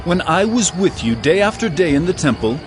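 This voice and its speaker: An actor playing Jesus as a grave, commanding teacher in a dramatized scripture reading, speaking solemnly and emphatically. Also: male voice, a little high, big pitch swings, moderate pace. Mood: indignant, commanding. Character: Jesus, grave and commanding male teacher confronting his captors.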